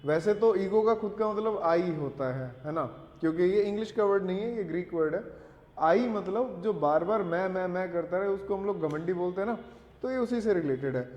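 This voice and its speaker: A man teaching English vocabulary in Hindi, dictating words slowly for notes and correcting pronunciation. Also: high-pitched. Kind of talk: classroom lesson explaining vocabulary in Hindi. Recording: echoey room, dull lo-fi sound.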